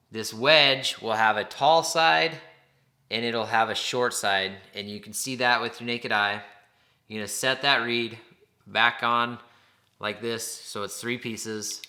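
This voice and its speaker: A man with a very bright, sharp-edged voice at an average male pitch. He works as an instructor through a hands-on demonstration, explaining each step in plain, informal language.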